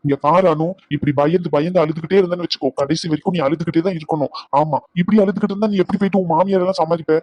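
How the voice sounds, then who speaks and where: A man's voice: on the high side, steady tone, rapid-fire, darkish tone, dry recording, muffled recording, lightly acted. A man voicing a blunt young man in a cartoon who scolds a crying woman. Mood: stern. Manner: blunt, lecturing. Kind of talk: cartoon voice acting.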